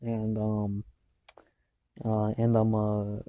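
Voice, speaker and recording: Hesitant young man, flat dull voice. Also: fairly low pitch, drawn-out words, no echo. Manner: hesitant, full of ums and restarts. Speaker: league member. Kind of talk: casual chat.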